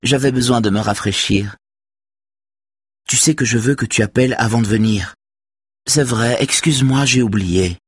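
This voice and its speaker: A man's voice: mid-range voice, moderate pace, long pauses, husky, dry recording, studio quality, pitched above the performer's own voice, close to an everyday voice. A man voicing a flamboyant, vain woman in her fifties who talks in a theatrical, gossipy way. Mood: airy.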